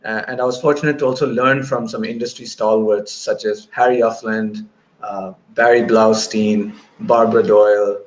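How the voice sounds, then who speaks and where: This guest, a filmmaker in his thirties with roots in Bahrain and Malaysia, has a somewhat low voice, a level tone and normal speed. He talks conversationally about his career on a remote video call from indoors, and the sound through his wired earphones is noisy.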